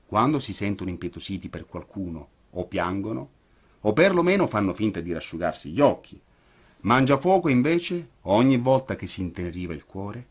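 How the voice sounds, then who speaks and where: A man, an actor, reading a children's story aloud in an expressive, theatrical way. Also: lowish voice, husky. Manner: theatrical, animated.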